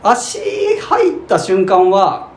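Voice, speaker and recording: A man co-hosting a casual talk, telling stories to listeners in an animated way. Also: sits high, drawn-out words. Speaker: podcast co-host. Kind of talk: casual chat. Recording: roomy echo, faint background noise.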